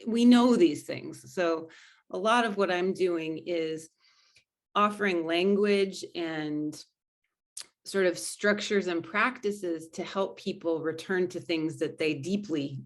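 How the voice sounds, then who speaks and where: A woman with a low voice and a gravelly edge talks earnestly as a spiritual coach being interviewed. She is thoughtful and often circles back to rephrase her words. Her delivery is steady and reflective. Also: slow pace. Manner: earnest, thoughtful, with frequent restarts. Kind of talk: conversational interview answers.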